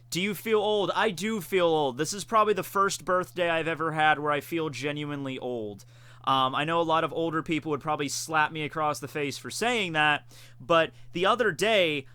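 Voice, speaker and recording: Streamer, male, mid-twenties, bright and crisp voice, dry close sound, chatty and laughing. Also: a little high, no echo. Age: 20s. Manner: chatty, laughs often, reads and answers chat questions. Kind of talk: casual live-stream chat.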